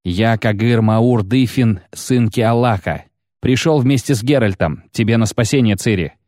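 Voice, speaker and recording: Man reading a calm steadfast young knight. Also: on the low side, no room sound, studio quality, natural voice. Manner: calm, measured.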